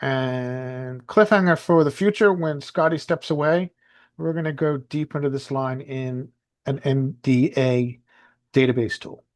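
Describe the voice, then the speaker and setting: A man's voice: medium pitch, unhurried, dry recording. A man in a poker study group on a video call, making analytical points. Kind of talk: casual chat.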